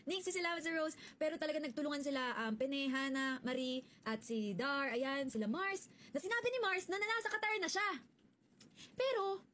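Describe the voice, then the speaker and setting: A young woman telling a story in casual, chatty vlog style, animated and laughing often. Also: high voice, brisk, a little hiss or hum.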